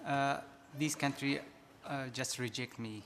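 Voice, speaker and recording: Man, from Afghanistan, flat gravelly voice, hesitant, studio echo. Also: mid-range voice, unhurried. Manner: hesitant, broken English with many uhs. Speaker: audience member. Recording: reverberant studio hall with faint room noise.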